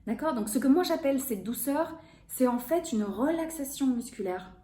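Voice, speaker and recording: A woman in her forties, a voice therapist explaining a topic to viewers in an expressive, animated way. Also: high-pitched, normal speed. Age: 40s. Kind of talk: educational video talk. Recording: echoey room.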